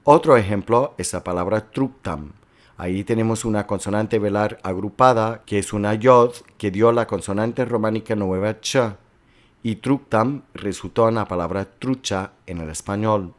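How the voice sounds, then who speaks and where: A man lecturing slowly and carefully, working step by step through examples as a teacher. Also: lowish voice. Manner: slow, careful, explanatory delivery with worked examples. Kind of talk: recorded lecture on historical linguistics.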